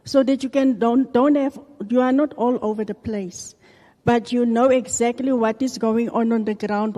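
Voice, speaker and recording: A woman's voice: fairly high pitch, a little mellow. A woman giving unscripted input from the floor of a meeting. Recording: hall microphone with long reverb.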